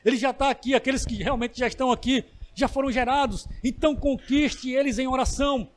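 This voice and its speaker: A Brazilian pastor with a high-pitched voice delivers a sermon. He builds to emphatic bursts and then slows into drawn-out, pleading lines. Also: steady tone. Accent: Brazilian Portuguese. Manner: preaching with rising emphatic bursts and slow drawn-out pleas.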